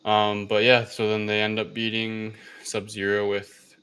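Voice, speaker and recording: A film-reviewing podcast co-host, a man with a fairly low voice, recaps the show in loose, informal, chatty phrases. His delivery is completely flat and his pace measured, while his tone is pushed and bright, clear and resonant, with faint background noise in the recording.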